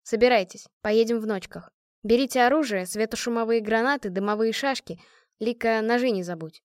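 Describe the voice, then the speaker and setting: A woman's voice: fairly high pitch, brisk, no echo, studio quality, lightly acted. A woman voicing a confident young team commander who gives orders decisively and likes to show off a little. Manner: decisive, a bit boastful.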